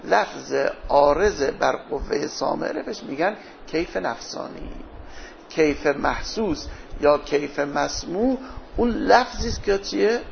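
A man lectures on philosophy in a gravelly voice pitched a little high. He keeps posing questions to the class and answering them himself. The recording sounds dull and lo-fi. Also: animated, a little hiss or hum. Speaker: teacher.

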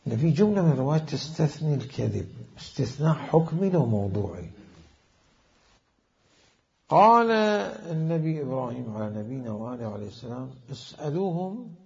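A man delivers a religious jurisprudence lecture at a deliberate pace, posing questions to his listeners and answering them himself. His voice carries a gravelly rasp at a middling pitch. The recording sounds dull and lo-fi. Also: big pitch swings, darkish tone. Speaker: religious scholar teaching.

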